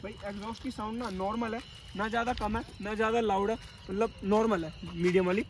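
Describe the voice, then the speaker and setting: A man's voice: high voice, steady tone, fast. A young man giving a casual, chatty walkthrough of a motorbike for his vlog, talking to viewers and his cameraman outdoors at dusk. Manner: chatty, addresses viewers as bhai, directs cameraman. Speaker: bike vlogger. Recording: faint outdoor street noise.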